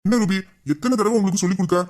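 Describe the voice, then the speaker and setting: A man's voice: high-pitched, racing, darkish tone. A man playing a flirtatious male boss who teases a staff member in a Tamil audio drama. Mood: teasing. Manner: teasing, playful and bossy. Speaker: boss voicing a romantic male lead.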